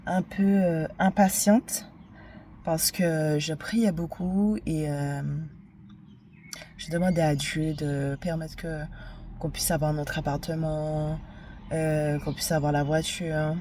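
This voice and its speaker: A woman, a mother and vlogger, giving an earnest personal faith testimony, pausing often with hesitations. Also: sits low, mellow, recorded from a distance, a little hiss or hum.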